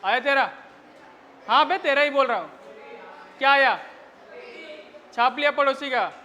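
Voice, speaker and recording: A man's voice: very high voice, unhurried, sharp tone. A male physics teacher running a rowdy class, scolding and teasing his students in crude slang between dictated questions. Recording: lo-fi classroom recording in a reverberant room.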